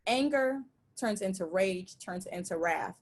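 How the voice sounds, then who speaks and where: A middle-aged woman preaching a sermon in a conversational, emphatic and animated way. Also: medium pitch, unhurried.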